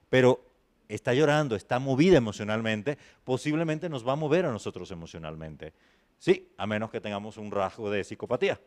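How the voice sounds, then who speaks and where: A man leads an acting master class in a university classroom, his voice sitting at an ordinary middle pitch. He talks in a loose, conversational way and keeps asking the students whether they follow him. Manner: conversational, often asks "¿sí me explico?". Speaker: acting teacher.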